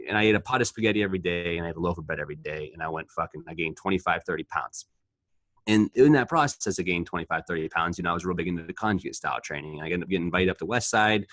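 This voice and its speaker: Deep-voiced guy in his 20s on a podcast, swears a lot, rambles through his lifting stories, dry sound. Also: fairly bright tone, no echo. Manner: profane, rambling storytelling. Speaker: podcast co-host, powerlifter. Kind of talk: casual chat.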